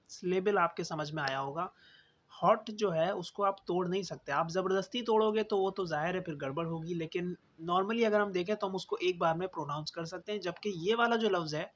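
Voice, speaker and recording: A man teaching pronunciation in an online lesson. He asks his own questions, answers them, and repeats key words for emphasis. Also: fairly high pitch. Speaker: English teacher. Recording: slightly dull, faint background hiss.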